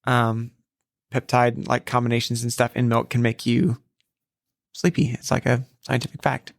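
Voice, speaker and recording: A man's voice: medium pitch, little pitch movement, normal speed, creaky, no echo, clean studio sound. A man co-hosting a church podcast, discussing a Bible passage casually and thinking aloud with many fillers.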